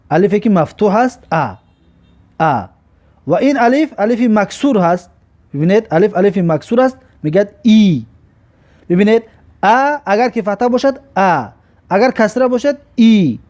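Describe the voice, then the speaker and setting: Tajik-accented male teacher, high voice, patient and repetitive, sounding out letters one by one. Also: darkish tone. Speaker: Arabic alphabet teacher. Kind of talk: recorded alphabet lesson.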